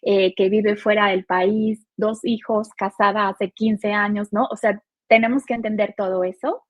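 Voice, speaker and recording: A Mexican woman in her forties speaks as a podcast guest, earnest and explanatory, with a slightly husky voice. Her sound is dry and close, with no room around it. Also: mid-range voice, steady tone, measured pace, no room sound. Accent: Mexican Spanish. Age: 40s. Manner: earnest, explanatory, uses many rhetorical "¿no?" tags. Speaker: guest, gender and care policy specialist. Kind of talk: podcast interview.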